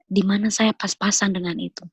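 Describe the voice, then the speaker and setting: A woman telling a personal faith testimony in a casual chat, earnest and animated, repeating phrases for emphasis. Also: medium pitch, brisk, husky, no echo, low-quality recording. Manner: earnest, animated storytelling with repetitions. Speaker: guest sharing testimony.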